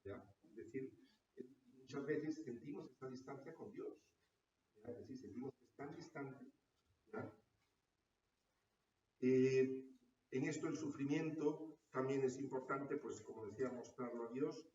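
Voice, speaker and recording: Priest with a constant questioning "¿ya?". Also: male voice, medium pitch, measured pace, long pauses, warm tone. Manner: peppers talk with questioning "¿ya?". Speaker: parish priest. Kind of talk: catechetical talk to parishioners. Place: parish hall or church room. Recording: roomy, distant, dull sound.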